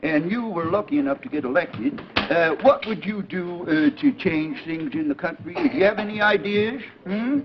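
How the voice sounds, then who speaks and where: An American man hosting a 1950s children's show in a folksy, silly, animated manner. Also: high voice, moderate pace, vocal fry. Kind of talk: 1950s live children's television presenting. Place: television studio. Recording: dull, noisy 1950s television kinescope.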